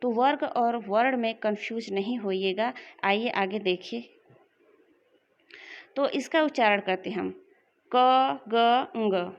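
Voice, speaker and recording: A woman teacher explaining a lesson slowly and clearly, repeating examples. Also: fairly high pitch. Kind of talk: classroom lesson. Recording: dull lo-fi recording.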